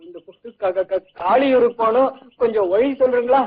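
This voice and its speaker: A man's voice: extremely high pitch, a little fast. An actor playing a bumbling young man who politely asks a village woman for directions, stammering as he goes. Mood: sheepish. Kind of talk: 1980s comedy film acting. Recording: tinny, husky old film soundtrack.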